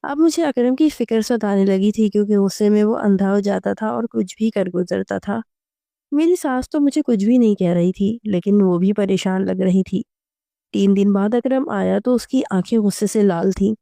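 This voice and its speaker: Woman reading a romance audio novel, mellow warm voice, steady, dry close mic. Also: mid-range voice, creaky, dry recording. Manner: steady, even storytelling. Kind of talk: scripted first-person story narration.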